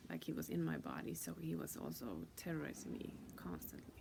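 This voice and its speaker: A woman with a gravelly, fairly low voice talks through her own story in a casual, unscripted way. She stumbles and restarts often, swears freely and hammers points home by repeating words. A faint hiss sits under her voice. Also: sing-song. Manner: halting, full of fillers and restarts, heavy swearing. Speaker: channel host telling her own story.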